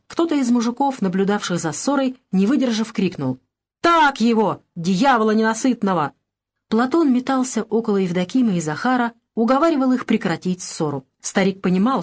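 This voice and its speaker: Steady woman reading a novel aloud. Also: medium pitch. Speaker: audiobook narrator. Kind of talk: scripted narration.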